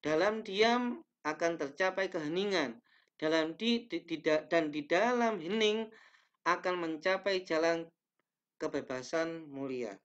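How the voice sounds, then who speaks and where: A man's voice: fairly high pitch, measured pace. A young man teaching a class, reading slides aloud with careful pacing and small self-corrections, in a small indoor room. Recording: dull lo-fi webcam audio.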